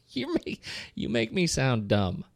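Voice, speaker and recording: A middle-aged man talks through a film on a podcast, mid-pitched and animated. He restarts his sentences often and laughs at himself. The sound is close and dry, with no room echo. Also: slow. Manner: rambling, self-interrupting, animated and laughing. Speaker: podcast co-host. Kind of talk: casual film discussion.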